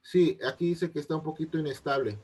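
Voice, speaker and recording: A male teacher with a fairly high voice talks through an online lesson over a video call. He explains patiently, step by step, and keeps asking whether the students are following. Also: a little fast, background noise. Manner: patient, checks often that students understand. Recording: unstable connection.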